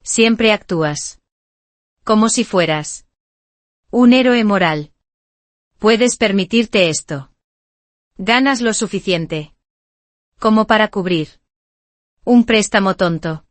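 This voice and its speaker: A woman's voice: medium pitch, slow pace, pauses often, dry recording, lightly acted. A woman voicing a dismissive, entitled adult sister who talks in a flippant, scornful way.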